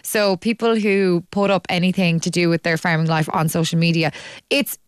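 A woman with a west of Ireland accent hosting a radio show in casual, animated, emphatic chat. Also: lowish voice, normal speed, clear, resonant tone, no room sound, studio quality. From Galway, west of Ireland. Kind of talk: casual chatty radio banter.

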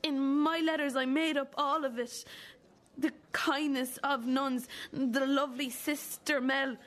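A woman acting as a wounded, bitter adult daughter in a drama, accusing her mother in a halting, deliberate way. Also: sits high, fairly even intonation, a bit bright. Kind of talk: dramatic two-hander dialogue.

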